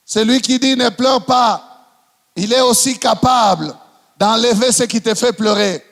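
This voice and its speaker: A man preaching a sermon as pastor, swinging between impassioned shouting and hushed passages. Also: very high voice, a little slow, vocal fry, in a large hall.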